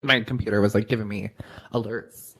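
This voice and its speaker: A man's voice: on the low side, fairly even intonation, brisk, a bit bright, breathy edge. A man co-hosting a podcast, telling a story in a casual, rambling way full of fillers and restarts, over a remote call. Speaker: podcast co-host. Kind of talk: casual chat.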